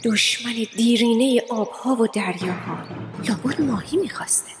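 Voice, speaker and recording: Woman playing an echoing, gentle river fairy. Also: on the high side, music in the background, close to an everyday voice. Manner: soft and measured, kindly questioning. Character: gentle, wise female river fairy, guardian of waters. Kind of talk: children's radio play acting. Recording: echoey, reverberant hall.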